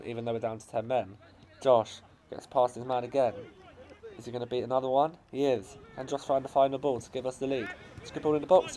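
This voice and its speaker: A man with an English accent commentating on his own amateur football team's match highlights, his voice cracking as the excitement builds. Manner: builds to shouting excitement at late chances.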